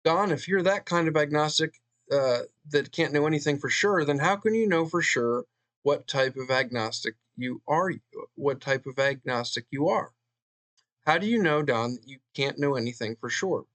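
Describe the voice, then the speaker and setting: A man's voice: fairly high pitch, expressive, normal speed, fairly bright tone, dry recording. A man voicing a patient questioner who leads a skeptic step by step with probing questions.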